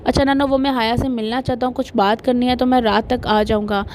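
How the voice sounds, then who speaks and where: A woman reading the lines of a devoted young husband who coaxes and apologizes earnestly, in her own fairly high voice. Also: steady tone, a little mellow, a little hiss or hum, natural voice. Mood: longing, hesitant. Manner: coaxing, earnest.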